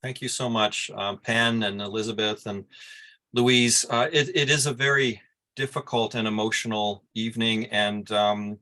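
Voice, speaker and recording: A man hosting an online reading event over a video call, gently calling on speakers one by one. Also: lowish voice, moderate pace. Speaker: event host.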